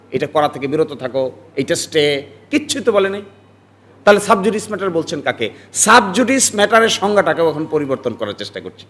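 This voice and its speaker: Emphatic man in forceful political commentary. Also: sits high. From Bangladesh. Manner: emphatic, rising to forceful outbursts. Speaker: lawyer.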